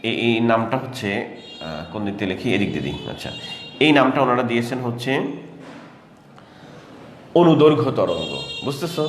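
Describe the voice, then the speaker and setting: A man's voice: mid-range voice, a bit bright, a little hiss or hum. A man teaching a classroom lecture for exam prep, asking questions and answering them himself, calling on students by name and repeating key terms. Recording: roomy hall echo with faint ambience.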